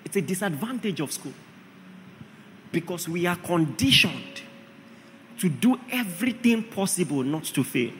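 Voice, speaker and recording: Male preacher, high and animated, emphatic sermon with repeated rhetorical questions, long hall reverb. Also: unhurried, pauses often, slight background noise.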